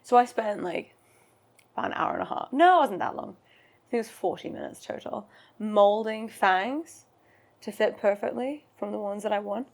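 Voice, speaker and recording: A woman's voice: mid-range voice, normal speed, vocal fry. Nz woman in her 30s chatting on a podcast, acts out all the quotes. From New Zealand. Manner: animated storyteller, acts out quotes. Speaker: podcast co-host. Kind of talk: casual chat.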